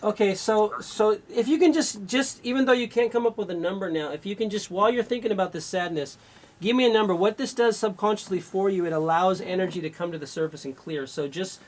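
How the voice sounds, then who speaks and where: Higher-voiced man leading a healing session. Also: fairly quick. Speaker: energy healer on radio show.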